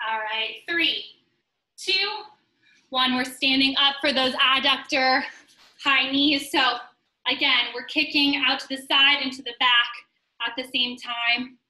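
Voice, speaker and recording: A young adult woman leading a guided workout class, giving steady counting cues while she exercises. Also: high voice, unhurried. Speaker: fitness instructor. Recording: roomy sound, distant from the mic.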